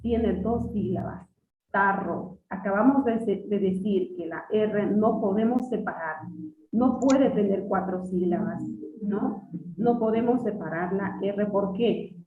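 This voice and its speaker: A woman teacher leads a lesson, quizzing her students with patience and saying key words slowly twice over. Her voice is mid-pitched and set back from the mic. The sound is thin and phone-like, with a hollow echo of the room. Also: slight background noise. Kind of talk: classroom lesson. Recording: distant echoey phone-like sound.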